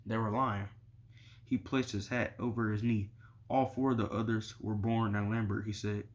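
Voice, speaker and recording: A man with a fairly low voice reads a novel chapter aloud. He keeps a plain, steady delivery and barely changes his voice between characters. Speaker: audiobook reader.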